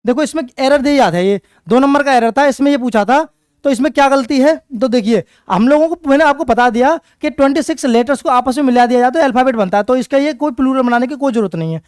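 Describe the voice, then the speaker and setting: A man's voice: very high-pitched, fast, darkish tone, smooth, no echo. A man teaching for competitive exams, repeating words and questioning students in a call-and-response style. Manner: repetitive call-and-response drilling; writes on a board while explaining. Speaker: English teacher. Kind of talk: exam-prep classroom lecture.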